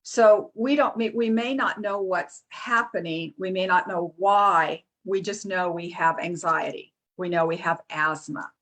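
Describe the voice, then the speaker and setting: A woman presenting a product in a casual, halting way, with many fillers and restarts, reading lists off a screen. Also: on the low side, fairly bright tone. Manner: reads lists aloud off a screen.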